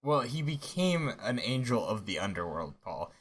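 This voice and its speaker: A man co-hosting a podcast in casual chat, talking haltingly with many restarts and laughs. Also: mid-range voice, very animated, slightly rough. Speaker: podcast co-host.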